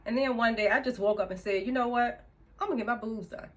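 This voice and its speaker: A woman's voice: on the high side, quick pace. A woman in her fifties chatting casually to camera as a vlogger, laughing often between thoughts. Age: 50s. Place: indoors, room with music she turned off.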